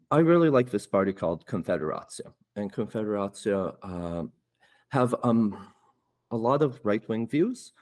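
A man's voice: on the low side, sing-song, a little slow, a little mellow. A man from Poland, a first-time interview guest, talking casually and often ending points with "right?". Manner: tags statements with "right?".

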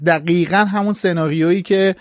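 A man's voice: high-pitched, fairly even intonation, no room sound, studio quality. A man in a casual podcast chat, explaining with confidence. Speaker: podcast co-host.

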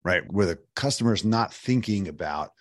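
Man, podcast co-host, very deep pitch, hoarse and raspy, worn-out voice, conversational, dry sound. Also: expressive, normal speed, no echo. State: voice nearly lost, hoarse. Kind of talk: conversational discussion of financial advising.

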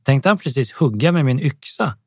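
A man's voice: mid-range voice, expressive, slightly rough, dry recording, clean studio sound, pitched above the performer's own voice. A man reading a blunt young man. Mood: firm.

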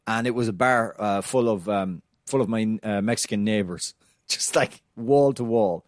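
The co-host of a soccer podcast speaks in a fairly low voice at a moderate pace, with a non-American English accent. He tells stories casually and chattily, with frequent fillers and restarts. The audio is studio quality with no room sound.

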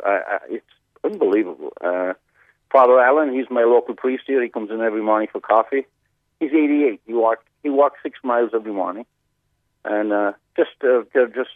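A man speaks over a narrow, dry telephone line in a North Cork Irish accent tinged with an American twang. His talk is casual and halting, doubling back on words, at a middling pitch. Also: no echo. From North Cork, Ireland. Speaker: radio phone-in guest, pub owner. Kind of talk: casual chat. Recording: narrow-band radio phone line.

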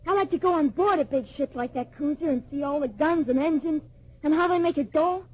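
Woman playing an eager, very high-voiced young boy. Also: fairly quick, lightly acted. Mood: eager, knowing. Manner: earnest, polite, boyish exclamations. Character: eager, admiring, know-it-all young boy. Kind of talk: old-time radio drama acting. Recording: noisy old radio drama recording.

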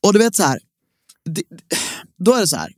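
A young man co-hosting a casual podcast chat, telling an animated rant of a story. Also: sits high, dry recording, clean studio sound. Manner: animated storytelling with rants and acted quotes. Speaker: podcast co-host. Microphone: studio microphone.

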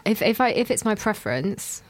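A woman's voice: medium pitch, sing-song, brisk, dry recording. A young woman with a posh home counties English accent, chatting casually on a talk show. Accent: posh southeast English, home counties. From England. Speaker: show panelist. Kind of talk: casual chat.

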